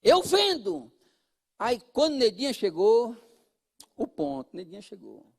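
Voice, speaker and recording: This man's very high voice swings hugely in pitch and shows vocal fry as he preaches a little slowly. A pastor with a Brazilian Portuguese accent, he addresses the congregation directly, alternating loud calls with hushed asides.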